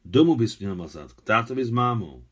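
A man's voice: medium pitch, animated, fairly bright tone, slightly rough. A man reading as a terse old war veteran. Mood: gruff. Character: gruff aging male war veteran, gruff but caring.

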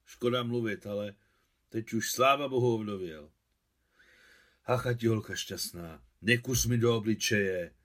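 A man's voice: lowish voice, a bit bright, natural voice. A man reading aloud and voicing a fussy, nagging old village woman. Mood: chiding. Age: older. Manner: scolding, fussy. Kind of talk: audiobook reading.

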